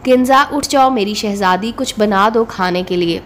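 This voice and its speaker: A woman's voice: mid-range voice, normal speed, slight background noise, close to an everyday voice. A woman voicing a playful, affectionate young husband in a read-aloud story. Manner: fond, playful.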